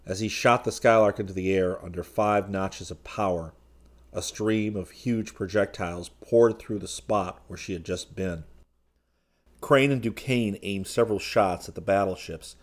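Give me a man with a low voice narrating an audiobook, steady and measured.

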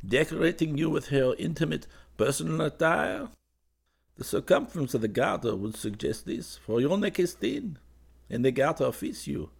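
A man voicing a drowsy young painter who murmurs softly and dreamily to a cat. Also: medium pitch, creaky, breathy edge, voice pushed up, heavily acted. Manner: soft, dreamy, musing.

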